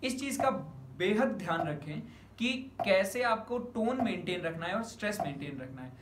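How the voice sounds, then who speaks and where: A man's voice: high-pitched, expressive, normal speed. A man teaching a music lesson step by step, counting beats aloud, stressing the first of each group and mixing in English words. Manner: explains in Hindi mixed with English words. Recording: echoey room with audible noise.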